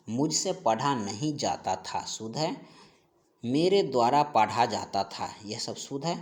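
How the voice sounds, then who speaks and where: Going through an exam-prep grammar lesson question by question, a man repeats every answer to drive it home. His voice sits in the mid range.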